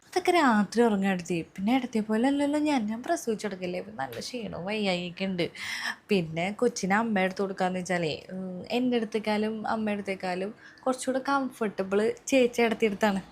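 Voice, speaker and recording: A woman's voice: medium pitch, quick pace, slight background noise, natural voice. A woman playing a demanding young new mother who orders her sister-in-law around in a comedy sketch. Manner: bossy, whiny, insistent.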